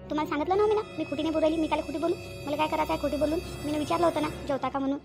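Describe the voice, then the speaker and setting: Woman doing a sharp-tongued young daughter-in-law. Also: high voice, steady tone, rapid-fire, creaky, music in the background. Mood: indignant. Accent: Vidarbha Marathi. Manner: indignant, defensive. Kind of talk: cartoon voice acting.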